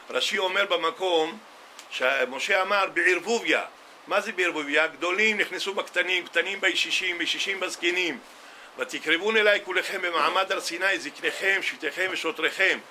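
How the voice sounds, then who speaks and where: A man's voice: sits high, bright, forceful tone, slight background noise. A man, a rabbi, giving a sermon and telling stories with acted-out dialogue. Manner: storytelling, acts out dialogue in a quoted exchange. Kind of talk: Tisha B'Av sermon.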